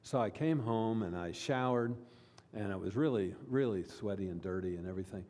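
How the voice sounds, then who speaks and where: A man preaches with a warm, mellow voice, leaning on earnest repetitions and measured pauses. His words ring out with a long reverb, as if he were in a large sanctuary. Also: on the low side. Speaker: pastor. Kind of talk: sermon.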